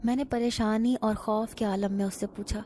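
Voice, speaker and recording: Woman storyteller for a first-person horror reading, warm tone, fairly high pitch, steady delivery. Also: a little hiss or hum. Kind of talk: scripted horror narration.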